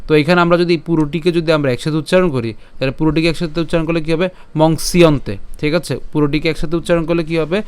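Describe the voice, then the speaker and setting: A man teaching scripture pronunciation online, breaking words into syllables and repeating them slowly, often checking that his listeners follow. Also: a little high, steady tone, clear, resonant tone.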